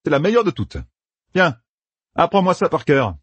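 Brash young schemer, voiced by a man: high, loud, bossy, rattling off orders. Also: big pitch swings, breathy edge, dry recording. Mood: emphatic. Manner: bossy, emphatic, rapid-fire planning.

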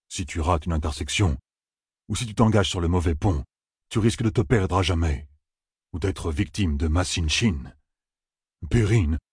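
A huge, soft-hearted Ogier from a fantasy storybook, anxious and pleading, voiced by a man narrating. The voice is low, husky and gently unsteady. It sounds dry and close-miked. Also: no echo, exaggerated voice. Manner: soft, pleading, slightly trembling.

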